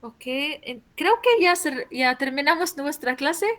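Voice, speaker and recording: A woman's voice: sits high, unhurried, a bit bright. A woman teaching a language class, explaining patiently, repeating each point and asking her students questions. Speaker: Arabic teacher.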